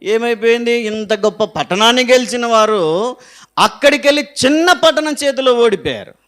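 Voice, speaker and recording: A man's voice: very high voice, lively intonation, normal speed, fairly bright tone, clean tone. A man preaching a Sunday sermon as pastor, quizzing the congregation and asking members to read verses aloud.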